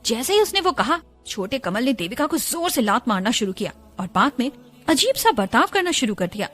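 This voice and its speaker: A woman radio jockey narrating a serialized audiobook. Her high voice swings widely as she tells the story expressively, over a faint bed of music. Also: big pitch swings, a little fast, fairly bright tone.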